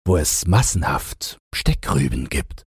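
A man reads a storybook as the big bad wolf, sly and scheming, his voice deep, husky and gravelly as he coaxes in slow, stretched-out words. His intonation is lively and the voice exaggerated. It's studio quality with no room sound.

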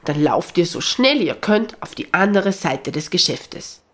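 A storyteller voicing a kind, helpful female crow in a children's audio story, speaking slowly and deliberately. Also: mid-range voice, big pitch swings, a bit bright.

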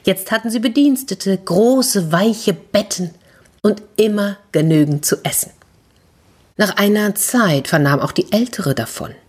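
A woman hosting a children's story podcast, narrating a fairy tale in an expressive way, sometimes dropping to a whisper. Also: mid-range voice, measured pace, slightly rough.

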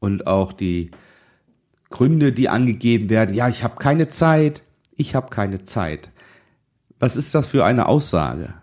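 Unhurried and expressive, with a slightly mellow mid-range tone, a man in his forties speaks as a financial advisor and podcast host. His motivational monologue addresses the listener directly, urging them on insistently with rhetorical questions.

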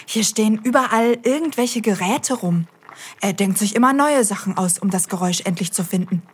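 A woman's voice: mid-range voice, expressive, normal speed, breathy edge. A woman hosting a scripted children's audio show, cheerfully talking straight to the kids.

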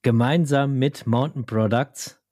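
A man's voice: mid-range voice, unhurried, no room sound, clean studio sound. Man with a clipping, overdriven mic. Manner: excited, talks loudly into the mic. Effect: loud clipping distorted mic, overdriven. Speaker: podcast host. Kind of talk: casual chat.

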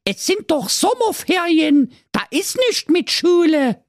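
A pack of cheeky little goat kids, squealing high in a broad Saxon accent. They whine in a comedy fairy-tale audio story, and the voice swoops wildly up and down. The sound is dry and close. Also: male voice, very animated, slow pace, no echo, heavily acted. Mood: whiny cheeky. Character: seven bratty little goat kids, whiny.

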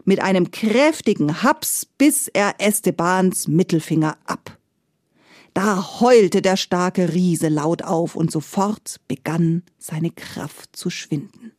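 A woman reading a fairy tale aloud as a storyteller, soft and expressive. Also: on the low side, slow, no room sound, clean studio sound.

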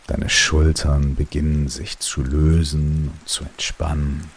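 A man narrating a guided relaxation sleep story in a calm, soothing way, with long pauses between short phrases. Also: very deep voice. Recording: steady rain noise behind the voice. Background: rain.

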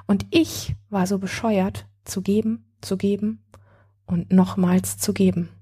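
A woman's voice: medium pitch, flat delivery, a little slow, mellow, breathy edge. A woman voicing a hurt, angry woman in a read-aloud story, brooding and then bitterly cursing her ex-partner.

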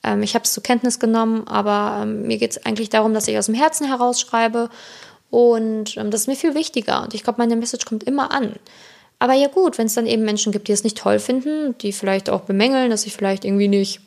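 Her voice is a little high, steady and slightly mellow, with vocal fry and a fairly quick pace. A non-native German speaker, she works as a self-love coach and hosts a casual motivational podcast, addressing the listener in a personal, direct way.

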